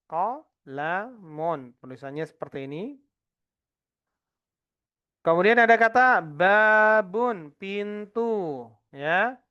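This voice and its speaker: A man teaching an Arabic lesson to adult students, patiently explaining and slowly repeating each word for the class. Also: high-pitched, sharp tone, smooth, muffled recording.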